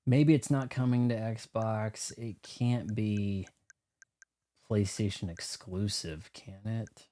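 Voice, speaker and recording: His fairly low, mellow voice stays steady and takes its time as he plays a video game. This streamer offers loose, rambling let's play commentary, chatting to himself over the game music.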